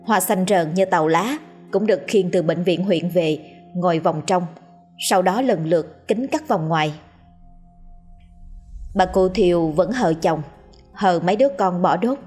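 Low-voiced woman reading a story. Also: breathy edge, soft background music. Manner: measured, expressive reading. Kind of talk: scripted narration of a ghost story.

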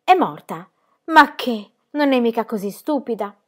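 A woman reading aloud and voicing a lively, curious young girl who asks eager questions. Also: mid-range voice, normal speed.

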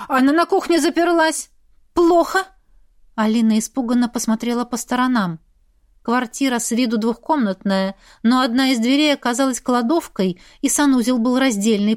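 A woman narrates a novel for an audiobook in a steady, expressive reading. Her voice sits slightly on the high side. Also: no echo, clean studio sound. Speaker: audiobook reader. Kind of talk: scripted narration.

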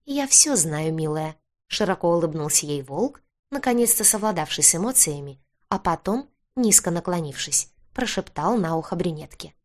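A woman's voice: on the low side, lively intonation, moderate pace. Woman narrating a dramatic audiobook.

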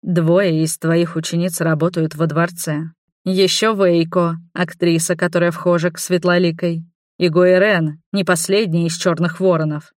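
Woman reader voicing a calm, suspicious male investigator, lowish and measured, for an audiobook. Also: no echo, studio quality, natural voice. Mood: coolly accusing.

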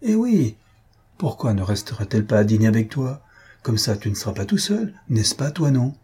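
A man voicing a breezy young husband who talks briskly and teasingly, always in a hurry. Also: medium pitch, big pitch swings, mellow, breathy edge, full character voice.

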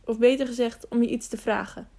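A woman's voice: on the high side, fairly even intonation, fairly quick, vocal fry, warm tone. A woman reading the part of a serious older male knight who speaks earnestly and measuredly in an audiobook. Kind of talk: audiobook character voice.

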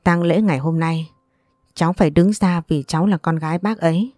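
A woman voicing a sharp-tongued but protective middle-aged aunt in an audio story. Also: on the low side, brisk, no room sound, clean studio sound, lightly acted. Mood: gentle. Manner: scolding, firm.

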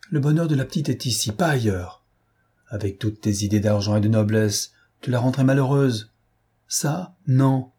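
A man's voice: medium pitch, a little mellow, slightly rough. A man voicing an anxious, fierce old nursemaid in an audiobook, scolding and protective in manner. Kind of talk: audiobook character voice.

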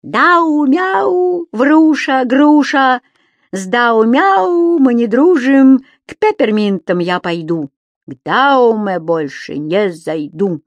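A woman voicing a cheeky, indignant little male magic creature who shouts and teases in a high, squeaky voice. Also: lively intonation, unhurried, no room sound, lo-fi sound, close to an everyday voice. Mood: indignant shouting. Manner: shouting, squeaky, singsong teasing.

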